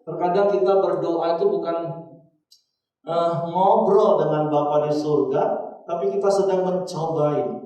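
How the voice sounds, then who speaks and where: A man's voice: high voice, recorded from a distance. Preaching man in an echoey church hall. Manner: lively preaching with frequent asides to the congregation; jokey, acts out short voices of congregants. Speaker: pastor. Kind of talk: sermon.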